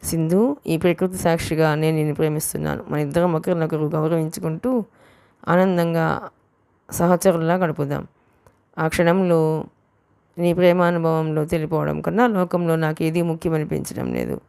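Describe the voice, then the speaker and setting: A woman reading the lines of an earnest young man in love, in a soft, confiding way, for an audiobook. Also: sits low, steady tone, moderate pace, gravelly, clean tone. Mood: tender.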